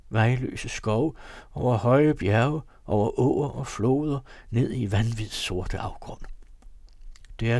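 A man's voice: medium pitch, darkish tone, no echo, natural voice. A man reading a haunted, confessing father. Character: troubled older father confessing his dark moods.

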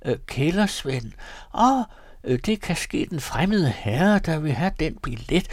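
A man's voice: on the high side, sing-song, dry recording, studio quality, voice pushed up. A man putting on a flustered old tavern woman. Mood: fawning.

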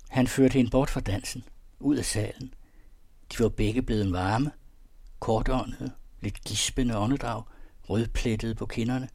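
A man calmly reading a romantic story aloud in a measured, softly expressive way. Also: mid-range voice. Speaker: narrator. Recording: dry close recording.

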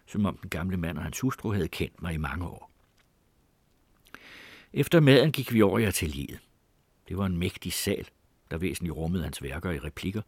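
Male narrator, audiobook memoir, deep voice, dry close sound. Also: breathy edge, no echo.

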